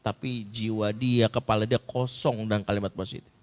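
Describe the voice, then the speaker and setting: A man preaching as a family counselor, an animated storyteller who acts out the people in his story in a much higher voice. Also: normal speed. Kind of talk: storytelling talk to an audience.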